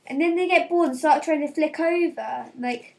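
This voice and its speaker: A woman's voice: high-pitched, normal speed, creaky, a little mellow, distant mic, a little hiss or hum. A teenage girl doing a casual comic rant, acting out little scenes with quoted lines and giggles. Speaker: vlogger.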